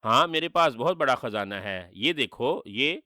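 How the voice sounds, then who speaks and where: A boastful sorcerer villain, as a narrator puts him on, mocking and gloating. The voice is bright and edged, with a close, dry sound. Storybook telling. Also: male voice, mid-range voice, expressive, measured pace, no room sound. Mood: pleading, wheedling. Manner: gloating, taunting with read-out laughter.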